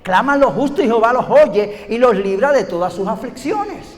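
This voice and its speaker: A man preaching a sermon, acting out little dialogues and swinging between shouts and hushed asides. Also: very high voice, expressive, normal speed. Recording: hall reverb, faint background noise.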